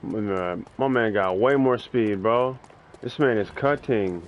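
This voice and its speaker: A man's voice: lowish voice, unhurried, dull audio, slight background noise. A man giving casual gameplay commentary in a slangy, repetitive way. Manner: slangy, repeats phrases. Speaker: gamer, channel host.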